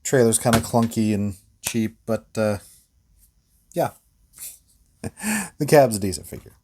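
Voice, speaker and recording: A man reviewing toy figures in a relaxed, rambling way, with many fillers and small laughs. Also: fairly low pitch, takes it slowly. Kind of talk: casual hands-on toy review.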